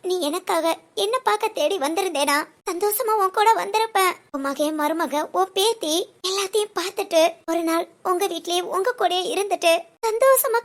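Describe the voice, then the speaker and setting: Woman reading older ashram woman, heartbroken, reproachful; high-pitched. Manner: tearful, aching, reproachful. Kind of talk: audio story monologue.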